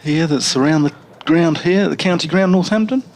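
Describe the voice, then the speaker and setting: A man commentating on a cricket match with a slightly high, gravelly voice. He fills the gaps between deliveries with rambling, jokey chat. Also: a little fast.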